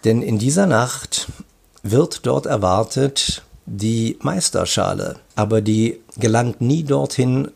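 A man, a children's book author, reading his story aloud in a lively way. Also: low voice, vocal fry, breathy edge.

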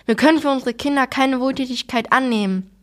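A tired, proud father in a storybook, firm and weary as he refuses charity, read aloud by a woman. His words come out measured and heavy. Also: sits high, close to an everyday voice.

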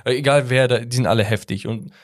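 A man's voice: medium pitch, fast. Slangy young male podcast co-host. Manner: reads out viewer comments, slangy and loose. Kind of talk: casual football podcast chat.

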